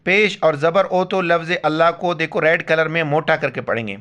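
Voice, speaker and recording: A man teaching Quran tajweed, chanting the verse slowly and then rattling off letter-by-letter explanations in speech. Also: fairly high pitch, a bit bright. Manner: slow drawn-out recitation alternating with rapid spelled-out explanation. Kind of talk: Quran recitation lesson.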